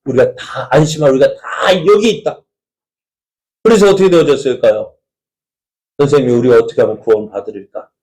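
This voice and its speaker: A man's voice: mid-range voice, a little fast, long pauses, darkish tone, poor audio. A male pastor preaching a sermon in a conversational way, asking the congregation many rhetorical questions.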